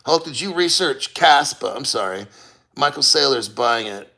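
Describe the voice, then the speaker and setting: A middle-aged man hosting a casual livestream, chatting in a rambling, halting, sweary way and reading out comments. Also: medium pitch, animated, vocal fry, pushed and bright, breathy edge. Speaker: crypto livestream host.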